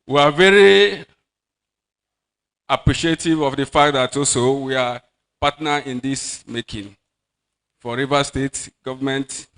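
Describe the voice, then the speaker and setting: A man's voice: mid-range voice, steady tone, unhurried, pauses often, a bit bright. A man, a company regional manager, giving a polite and formal speech at an event with some hesitant fillers.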